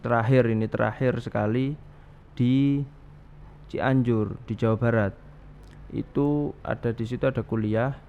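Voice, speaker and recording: Man, 30s, gravelly, rambling guest, muffled noisy recording. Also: mid-range voice, steady tone, unhurried, pauses often. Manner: rambling, with many restarts and Javanese fillers. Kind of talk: casual interview. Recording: dull, slightly noisy studio audio.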